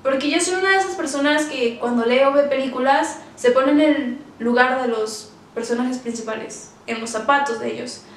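A woman's voice: high-pitched, moderate pace, few pauses, a little hiss or hum. A woman casually reviewing books for her vlog, chatty and emotional, with many fillers. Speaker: book vlogger. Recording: roomy, distant from the mic.

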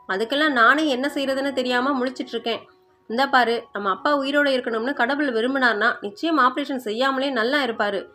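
A woman voicing a cold, calculating middle-aged elder sister who speaks in a sharp, scolding way. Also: high voice.

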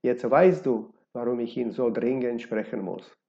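A man's voice: medium pitch, a little slow, vocal fry, mellow. A man voicing a passionate, defiant young unmarried woman in a read-aloud novel, speaking in a heated, accusing way. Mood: pleading. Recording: dull lo-fi recording.

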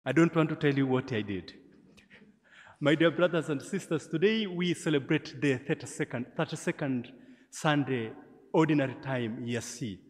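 Priest in his 40s, calm and measured, big cathedral echo around him. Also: a little high. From Tanzania. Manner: gentle, measured liturgical delivery with light humor. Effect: cathedral-like church echo. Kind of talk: celebrating Mass. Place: large church. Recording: long church hall reverb.

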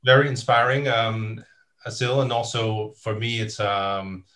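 A young man who grew up in the United Kingdom, hosting a podcast over a video call from a home office, encouraging his guest and pausing often with "um". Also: fairly low pitch, level tone. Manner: warm, encouraging, halting with "um". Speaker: podcast host. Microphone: video call webcam.

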